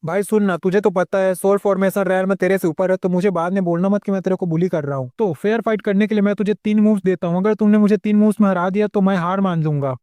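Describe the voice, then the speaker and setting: A spoiled young male noble who brags and whines, played by a man telling the story. The voice is high and fast. The sound is dry and close. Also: fairly even intonation, mellow, no echo, lightly acted. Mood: boastful.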